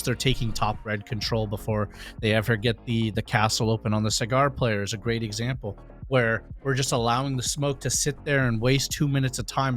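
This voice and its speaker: A male esports analyst with a medium-pitched voice breaks down tactics conversationally. Faint music sits behind him. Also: a bit bright.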